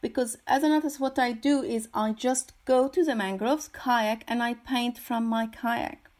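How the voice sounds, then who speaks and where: Halting Syrian-born woman artist speaking. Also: fairly high pitch, steady tone, a little mellow. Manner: halting, many fillers and repeated words. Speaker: guest, artist. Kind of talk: interview answers.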